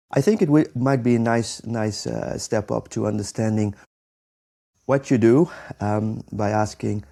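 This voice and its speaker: A man hosting an interview show, talking in a halting way with many ums and restarts. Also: lowish voice, vocal fry, dark tone. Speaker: podcast host. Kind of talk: conversational interview.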